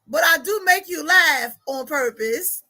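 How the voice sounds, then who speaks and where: A woman, hosting a casual livestream as a life coach, chatty and animated with frequent laughter. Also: high-pitched, a little slow, very noisy. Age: 40s. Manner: animated, laughing, chatty, reads comments aloud.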